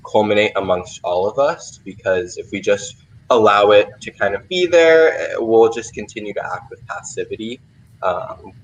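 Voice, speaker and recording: On a remote video livestream, a young man who's a playwright hosts a casual Q&A, thinking aloud informally and often saying "like" and "kind of." His voice is on the low side, and the recording quality is low.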